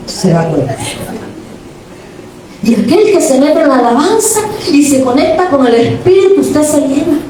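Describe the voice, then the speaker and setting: A woman preacher with a high, swooping voice delivers a playful, dramatic sermon, acting out little everyday scenes and calling out to her brothers in the pews. She sounds far from the microphone in a very echoey church hall, with faint room ambience behind her. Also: very animated, normal speed, long pauses, mellow, slight background noise. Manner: addresses the congregation directly as brother. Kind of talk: lively Pentecostal sermon.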